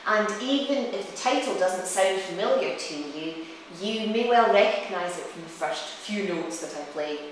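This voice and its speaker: A female presenter, who is also a cellist and music teacher, gives a spoken lecture-demonstration on music, explaining in a reflective, storytelling manner. Her medium-pitched voice is expressive and moderately paced, picked up from a distance in a very reverberant room with faint noise underneath.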